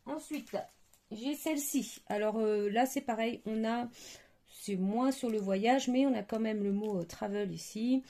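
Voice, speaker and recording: A woman talks through craft supplies in a relaxed show-and-tell. Her voice has a gravelly, mellow texture. She hesitates often and fills her pauses while hunting for words. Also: fairly high pitch. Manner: hesitant, many fillers and searching for words. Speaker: crafting vlogger. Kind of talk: casual product show-and-tell.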